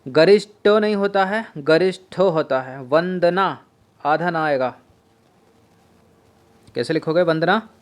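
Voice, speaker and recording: A man leads an exam-prep spelling lesson in a voice a little higher than most. He says each word several times and asks his students how it is written. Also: slow, long pauses. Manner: drills words by repeating them, asks students questions. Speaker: teacher.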